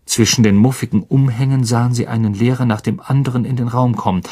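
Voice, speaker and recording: A man reading an audiobook as narrator, expressive and unhurried. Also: medium pitch, husky. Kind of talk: scripted narration.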